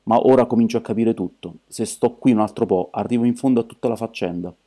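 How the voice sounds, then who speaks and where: Man voicing an impetuous, excitable detective. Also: mid-range voice, fast, lightly acted. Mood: excited. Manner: loud, impulsive, excitable. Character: impetuous burly male ex-thief detective friend.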